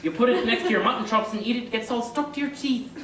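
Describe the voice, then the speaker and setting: A performer puts on a sly, boastful little Irish leprechaun as an interview guest on a comedy show, speaking in a playful lilt that's cheeky, rambling and full of wordplay. The voice is medium-pitched, fast and fairly bright, close to an everyday voice. It sounds distant in an echoey room, with faint noise behind it.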